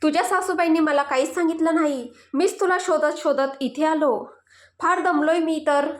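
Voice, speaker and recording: A woman's voice: high-pitched, fairly even intonation, moderate pace, natural voice. A woman voicing a playful young husband who teases his wife in a storybook reading. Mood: teasing. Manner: teasing, light banter.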